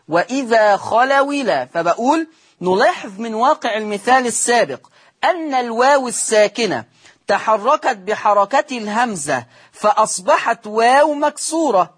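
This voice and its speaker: A man with an Egyptian accent teaching Quran recitation rules on television. He explains step by step, asks questions and answers them himself, and slows into chanting for the examples. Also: high voice, a bit bright, breathy edge. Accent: Egyptian Arabic.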